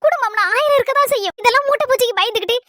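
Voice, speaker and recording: Woman as squeaky young kanyakumari wife, talks fast, dry close sound. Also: sharp tone, dry recording. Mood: pleading. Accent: Kanyakumari Tamil. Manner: quick, shrill, emphatic. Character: young village wife, earnest and pleading. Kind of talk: comic family skit.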